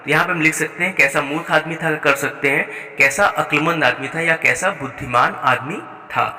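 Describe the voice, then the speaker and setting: A man's voice: on the high side, pushed and bright. Patient male Hindi teacher, echoey room. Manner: slow, patient, spells words out sound by sound. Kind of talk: explaining a school exercise. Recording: echoey room with long reverb.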